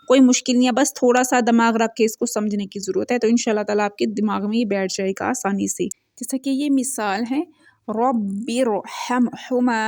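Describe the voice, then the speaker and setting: A woman's voice: a little high, darkish tone, no room sound, clean studio sound. Patient woman teaching Quran recitation rules. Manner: patient, repeats points, stretches recited verses slowly. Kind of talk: step-by-step tutorial with recited examples.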